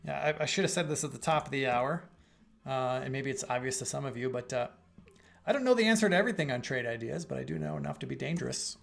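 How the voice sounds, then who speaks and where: Answering viewers during his live trading stream, a middle-aged host rambles conversationally, with fillers and false starts as he thinks aloud. His mid-range voice carries vocal fry and a fairly bright tone, and he speaks quickly. He clears his throat, his voice partly worn out.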